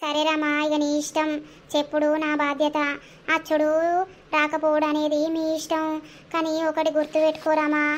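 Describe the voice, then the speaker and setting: A woman's voice: high-pitched, completely flat delivery, moderate pace, close to an everyday voice. A woman voicing a timid village widow in a cartoon comedy, pleading and apologetic in a Telangana Telugu accent. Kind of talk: animated village comedy voice acting.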